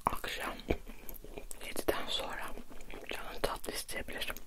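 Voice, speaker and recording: A mukbang vlogger whispering chatty advice while chewing food between words. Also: unhurried. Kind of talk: whispered mukbang ASMR chat.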